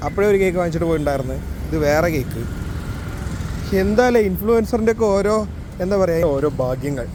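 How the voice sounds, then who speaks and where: A man's voice: a little high, lively intonation, fast, background noise. A man vlogging in a casual, joking way, teasing his friend and talking to viewers as guys. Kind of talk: casual vlog narration.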